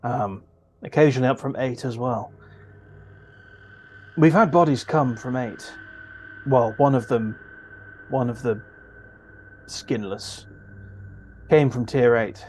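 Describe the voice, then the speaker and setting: A man running a tabletop game as game master, describing scenes in a halting, word-searching way. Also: medium pitch, a little mellow, slight background noise.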